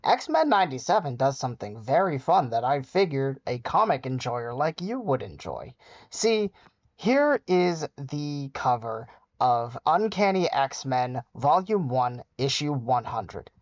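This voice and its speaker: A man's voice: medium pitch, sing-song, measured pace, dry recording, lo-fi sound. A man giving sarcastic, scolding reaction commentary as a video host. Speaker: commentary YouTuber.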